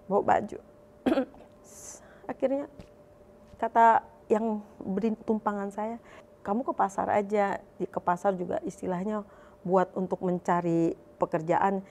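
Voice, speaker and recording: A woman telling her personal faith testimony in an emotional, heartfelt way, her voice climbing higher as she recounts her prayers. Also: steady tone, unhurried, mellow. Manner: emotional, voice rising high when recalling prayers. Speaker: testimony speaker.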